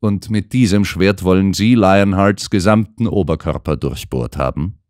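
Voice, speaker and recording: A man voicing a calm, shrewd gentleman detective who lays out his reasoning in measured, precise sentences, in an audiobook. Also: low-pitched, no room sound, clean studio sound, pitched above the performer's own voice, close to an everyday voice. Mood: insistent. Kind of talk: audiobook character voice.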